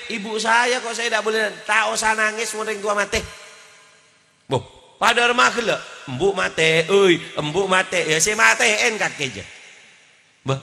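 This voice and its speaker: Male preacher, slow animated joking sermon, gravelly tone. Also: high voice, long reverb tail. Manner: animated, mixes jokes, chants and shouted lines. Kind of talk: humorous Islamic sermon.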